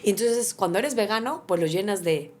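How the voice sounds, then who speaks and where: A woman's voice: mid-range voice, fairly quick, a crowd in the background. A woman, a mother telling her own story in an interview. She speaks earnestly and with animation. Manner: earnest, animated, often acts out what others said. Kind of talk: candid personal storytelling.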